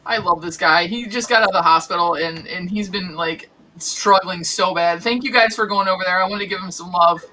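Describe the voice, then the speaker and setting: A woman's voice: on the low side, fairly quick, pushed and bright, slight background noise, poor audio. A woman hosting a casual live stream, chatting and laughing often with guests. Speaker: host.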